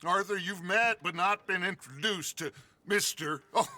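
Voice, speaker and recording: An actor playing a grandiose, ingratiating American outlaw leader in a western video game. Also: male voice, sits high, unhurried, pushed and bright, heavily acted. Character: theatrical smooth-talking outlaw gang leader, grandiose schemer.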